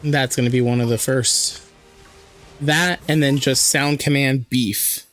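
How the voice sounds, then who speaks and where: A man streaming a video game with a hoarse, sore throat, chatting and joking with his viewers over faint music. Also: mid-range voice, steady tone, a little slow, fairly bright tone. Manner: chatty, joking, reads and answers chat. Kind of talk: casual live-stream chat while playing.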